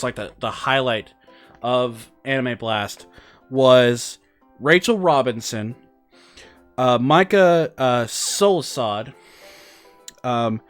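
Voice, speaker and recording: A young man vlogger telling a story in a casual, rambling way, excitable and full of fillers. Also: medium pitch.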